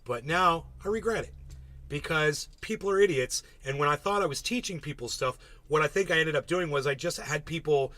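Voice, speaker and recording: A man's voice: a little high, a little fast, bright, forceful tone. A man hosting a casual livestream, talking bluntly to his chat and swearing freely. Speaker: livestream host.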